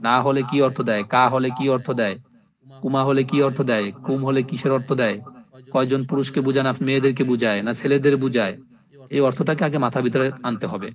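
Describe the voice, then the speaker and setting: A man teaching a live online language class in a mid-range voice. He explains step by step, often pausing to ask if students follow. Then he drills word forms slowly, one after another, in long repeated lists. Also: mid-range voice. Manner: explains step by step, often checking "ঠিক আছে?".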